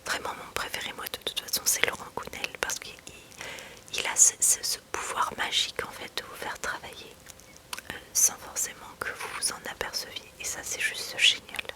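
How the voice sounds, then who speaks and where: A woman speaking in a soft library whisper as an ASMR host, presenting books in a chatty way and reading passages aloud. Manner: unhurried, chatty delivery mixed with reading aloud.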